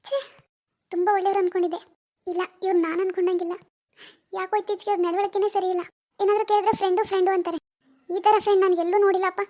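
A woman's voice: very high-pitched, flat delivery, very fast, long pauses, warm tone. A woman acting as a young wife who suspects her husband, wondering aloud in an anxious, questioning way. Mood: hurt. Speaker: actor in a family web drama. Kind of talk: amateur family drama acting.

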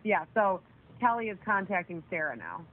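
A woman with a voice on the low side and big pitch swings talks at normal speed. She's the caller on a jail phone call, chatting casually and swearing often, and the recording is a noisy, narrowband telephone line.

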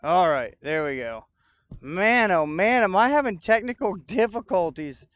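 A man's voice: high voice, expressive, measured pace, a bit bright, no room sound, lo-fi sound. A man streaming live, chatting casually with viewers, frustrated and thinking aloud while he sorts out technical trouble. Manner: frustrated, talks to chat while fixing tech trouble. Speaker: livestreamer. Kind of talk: casual livestream chat.

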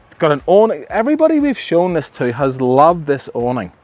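A man's voice: fairly high pitch, wildly swooping pitch, a little fast, a little mellow. Enthusiastic Australian man outdoors. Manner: enthusiastic, chatty, restarts often. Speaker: camping gear reviewer. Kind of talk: casual outdoor product review. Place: outdoor campsite among trees.

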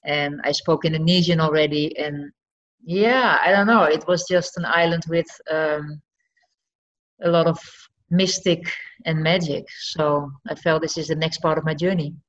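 A middle-aged Dutch woman, native Frisian speaker, talks over a video call from her living room. Her voice sits low, and the dull, lo-fi laptop audio muffles it. She pauses often and fills gaps while she thinks. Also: steady tone. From Friesland, Netherlands. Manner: hesitant, many fillers, thoughtful. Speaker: guest artist. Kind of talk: casual video-call interview.

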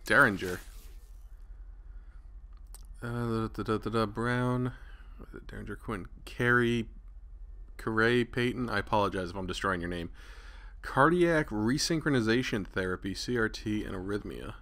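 A man chats his way through a video game with loose, irreverent commentary and frequent swearing. His voice is bright and forward, and his talk is casual and offhand. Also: on the low side, a little slow, long pauses. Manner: chatty, irreverent, swears freely. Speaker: gaming channel host.

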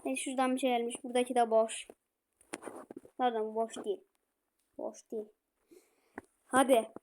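A woman playing a football video game, commenting and shouting at her players. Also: a little high, level tone, normal speed, a little hiss or hum. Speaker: gaming streamer.

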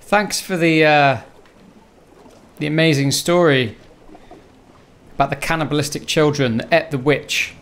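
A male gamer drops wry, mocking remarks during play, in a fairly high voice and at an unhurried pace. A faint hum of noise sits behind him. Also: fairly bright tone. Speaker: gaming host. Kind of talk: casual gameplay commentary.

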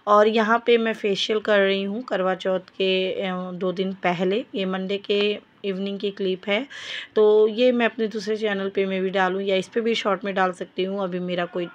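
A woman's voice: medium pitch, fairly even intonation, moderate pace, muffled recording. A young adult woman with a sore throat, chatting casually as she narrates her vlog, often dropping in English phrases and fillers. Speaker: vlogger.

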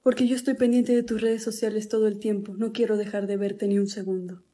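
A woman's voice: mid-range voice, little pitch movement, brisk, dark tone, lightly acted. A woman playing a lovesick young man who keeps pleading with the girl he adores. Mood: sweet-talking. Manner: pleading, persistent.

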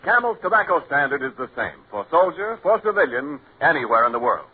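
A man's voice: a little high, sing-song, brisk, heavy background noise. A man with an American accent reading advertising copy as a 1940s radio announcer. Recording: tinny 1940s radio recording.

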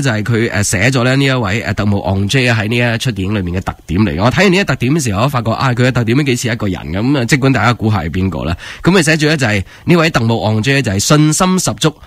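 A radio host with a Hong Kong Cantonese accent chats casually and rambles through an explanation in loose, conversational phrasing. His mid-range voice is fast, lively and nearly pause-free, recorded dry on a close studio mic.

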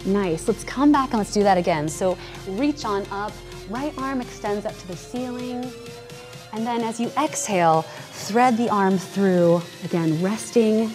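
A woman's voice: medium pitch, mellow. A woman in her thirties leads a yoga class with a mid-range voice and upbeat, encouraging cues. She is recorded indoors in a large gym studio. Faint music plays under her. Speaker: fitness trainer. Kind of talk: guided yoga instruction.

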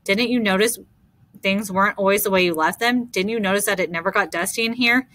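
A woman reading as a soft-spoken loving mother. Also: mid-range voice, a little fast, natural voice. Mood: teasing. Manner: soft, reassuring. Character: loving, gently teasing mother.

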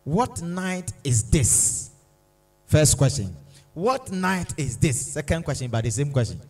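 A man preaching a sermon in a church, slow and emphatic, repeating lines for dramatic weight. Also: a little high, very animated. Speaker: pastor.

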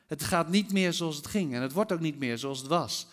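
A man preaching an earnest sermon to a church congregation, pausing and repeating words as he reads and explains a Bible passage. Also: a little high. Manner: earnest, pauses and repeats words, lively emphasis. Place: church hall.

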